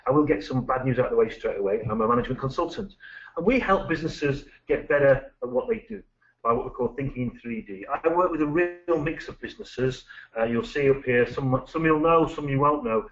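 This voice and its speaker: A man's voice: mid-range voice, brisk. British man presenting a business webinar. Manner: lively, anecdotal, punchy delivery. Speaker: management consultant presenting a webinar. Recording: dull lo-fi recording.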